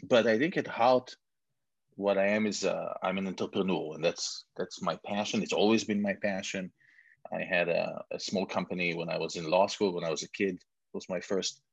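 In a casual interview, a forties-aged entrepreneur from Israel speaks in a low, creaky, slightly rough voice with his native accent. Self-deprecating remarks and frequent restarts fill his talk, captured in a muffled, dull lo-fi recording without echo.

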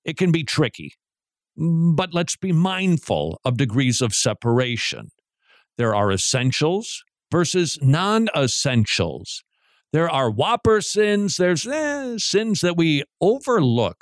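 Animated, joking male radio host. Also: a little high, takes it slowly, no echo, studio quality. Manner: joking, animated, restarts often. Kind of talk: talk radio.

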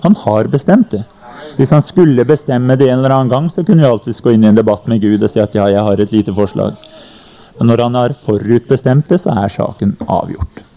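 A man's voice: mid-range voice, dark tone, highs cut off. A man preaching a sermon at a summer convention, teaching plainly and quoting scripture, recorded on an old cassette tape. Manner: plain teaching tone with scripture quotes and "ikke sant". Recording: 1990 cassette recording, uneven quality.

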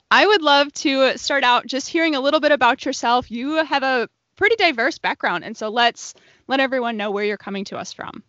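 A woman's voice: sits high, normal speed, fairly bright tone, dry recording. A woman hosting a podcast, enthusiastic and affirming, chatting casually with her guest. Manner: enthusiastic, affirming with frequent "mm-hmm". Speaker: podcast host. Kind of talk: casual interview chat. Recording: dry, slightly lo-fi podcast audio.

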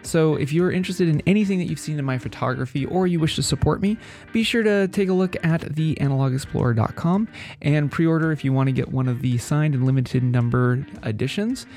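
A man's voice: fairly high pitch, fairly quick, a little mellow, faint music behind. Nasal, congested man hosting a podcast. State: head cold. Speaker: podcast host. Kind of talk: casual podcast talk to listeners.

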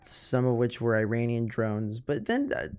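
A man co-hosting a podcast in loose, casual chat. He rambles, stops to restart his sentences, and fills the gaps with ums and uhs in a voice of ordinary middle pitch. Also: big pitch swings, a little mellow, smooth. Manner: rambling, halting, many fillers. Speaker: podcast co-host.

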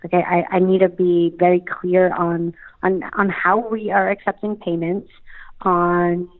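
A woman who owns a dental practice, speaking in halting phrases with many restarts over a video call whose audio keeps cutting in and out, leaving words chopped off. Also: on the low side, level tone. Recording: tinny dry internet call audio.

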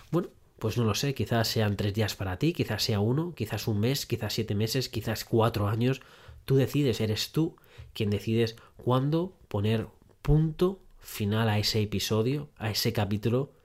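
A man hosting an advice podcast, talking straight to the listener in a mid-pitched voice. He hammers his points home with repetition. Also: darkish tone. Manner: direct second-person address, repetitive emphasis. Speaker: podcast host. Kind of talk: relationship advice monologue.

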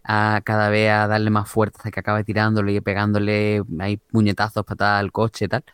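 A man with a Spain Spanish accent, casually discussing films and pausing to restart phrases as he searches for words. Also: lowish voice, monotone, fairly bright tone, clean tone, dry recording.

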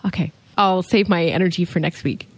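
A woman's voice: on the low side, normal speed, breathy edge, dry recording. A woman co-hosting a podcast in casual chat, often affirming with "mm-hmm" and "yeah" and wrapping up the show. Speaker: podcast co-host.

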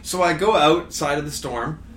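A man with a bright, forceful voice tells animated stories in casual chat, stopping and restarting his sentences as he goes. His voice sits a little high for a man. The room is echoey, with a faint hiss underneath. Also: normal speed. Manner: animated storyteller with many restarts and fillers. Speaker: storm chaser, guest.

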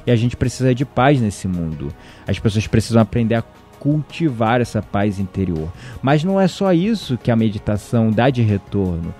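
A man's voice: lowish voice, moderate pace, soft background music. A man telling a story in casual conversation, acting out the voices of the people in it. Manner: animated, acts out quoted voices.

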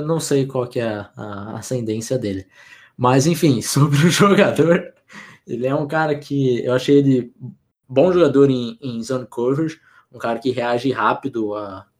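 A man co-hosting a sports podcast, talking in a relaxed, rambling way with many restarts. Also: mid-range voice. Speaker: podcast co-host. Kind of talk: casual sports podcast analysis.

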